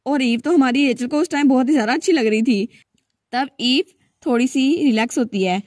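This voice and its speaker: A woman storyteller narrating a comic story with fluent, lively retelling. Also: high voice, a little fast, dry recording, studio quality.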